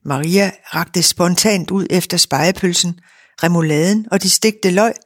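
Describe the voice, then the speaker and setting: A woman narrating a novel in a calm, even reading voice, in a dry recording. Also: on the low side, no room sound. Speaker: audiobook narrator. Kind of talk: scripted narration.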